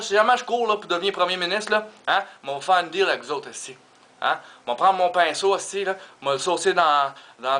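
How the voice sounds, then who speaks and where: A man with a thick Québécois French accent rambles through a stand-up comedy monologue, stuffing his sentences with Quebec swear fillers and stray English words. His voice sits a little high and sounds bright and tense. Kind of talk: comic monologue.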